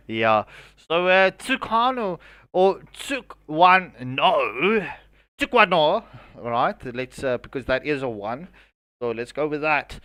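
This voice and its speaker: Bright, unhurried South African male caster. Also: mid-range voice, smooth, dry recording. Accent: South African English. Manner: jokey and self-mocking, laughs between calls. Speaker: esports caster. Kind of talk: live esports commentary.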